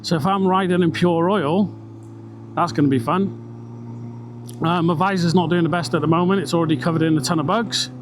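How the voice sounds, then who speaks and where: A man's voice: fairly high pitch, steady tone, a little fast, pauses often. A British man chatting casually and rambling, with some swearing, his voice enclosed inside a motorbike helmet as he rides outdoors. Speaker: vlogger. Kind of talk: casual ride-along motorbike vlog chat. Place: outdoors, riding a motorbike on country roads. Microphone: microphone inside a helmet. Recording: engine and wind noise, helmet mic. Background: motorbike engine and road noise.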